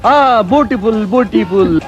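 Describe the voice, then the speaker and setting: A man plays a loud, bossy elder brother in a family film drama. His voice sits very high and carries a commanding bluster, with faint music behind. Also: normal speed, highs cut off, natural voice. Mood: goofy. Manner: loud, commanding, comically broken English. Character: bossy, boisterous eldest brother of the house. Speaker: elder brother of the household, lead.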